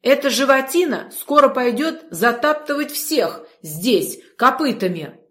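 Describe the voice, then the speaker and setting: A woman's voice: sits high, animated, a little slow, fairly bright tone, voice pushed up. A woman voicing a fierce, blunt young witch who barks her lines. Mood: scornful. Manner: brusque, barking.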